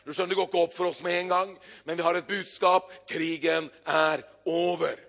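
An older man preaching a sermon in a church, telling stories in a lively way, with casual hesitations between bursts of loud emphasis. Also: high voice. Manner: lively storytelling preacher, builds to loud exclamations; conversational with frequent hesitations. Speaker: pastor.

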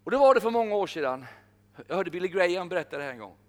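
An older man preaching a sermon, emphatic, slowing down to repeat his key phrases. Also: high voice, animated.

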